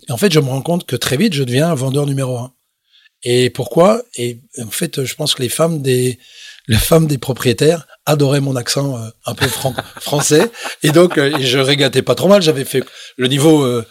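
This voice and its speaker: A man's voice: medium pitch, no echo, clean studio sound. A middle-aged French man, a sailor and sailmaker, telling his story in a casual interview with many fillers and restarts. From France.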